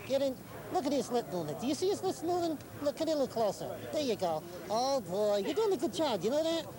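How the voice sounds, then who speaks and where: Cheeky ventriloquist dummy, high, teasing, crowd in background. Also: male voice, big pitch swings, fast talker. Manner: chatty, teasing the cameraman.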